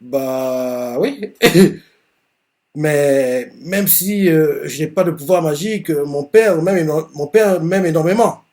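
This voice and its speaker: A man's voice: on the high side, slow pace. Man voicing a blasé young fighter. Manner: flat and blasé.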